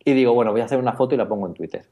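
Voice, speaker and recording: A man co-hosting a casual podcast, telling a personal anecdote in a lively way, often laughing and restarting his sentences. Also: medium pitch, rapid-fire, lo-fi sound. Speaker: podcast co-host.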